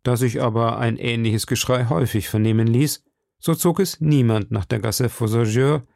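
A man reading a classic novel aloud in a steady, measured way. His voice has a gravelly, creaky grain, and the sound is close and dry with no room around it. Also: medium pitch, no room sound. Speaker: reader.

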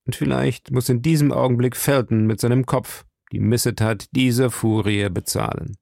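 A man's voice: medium pitch, steady tone, moderate pace, vocal fry, darkish tone, no echo, studio quality, close to an everyday voice. A male reader voicing a stern English lord who accuses in a firm, indignant way. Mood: accusing.

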